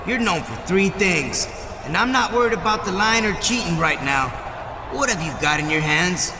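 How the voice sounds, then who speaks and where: A man's voice: sits high, expressive, normal speed. A man playing an earnest, suspicious wrestler in a video game cutscene, emphatic and probing. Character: earnest, suspicious male wrestler confronting a shady friend. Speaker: professional wrestler. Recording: echoey hall, noisy ambience.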